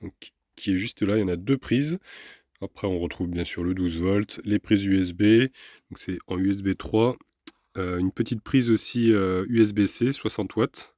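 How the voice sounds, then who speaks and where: A man casually unboxing and reviewing a portable power station in a relaxed, chatty vlog, pausing often with hesitations. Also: low voice, no room sound, studio quality.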